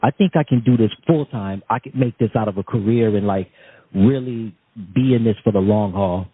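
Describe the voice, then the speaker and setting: Man, host, lowish husky voice, wordy, rephrases questions, phone-like audio. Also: moderate pace. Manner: wordy, rephrases his questions several times. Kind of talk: radio-style interview hosting.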